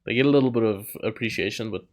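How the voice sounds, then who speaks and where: A man's voice: on the low side, very fast. A man co-hosting a wrestling podcast, giving blunt opinions and short agreeing replies. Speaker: podcast co-host. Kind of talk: casual wrestling review chat.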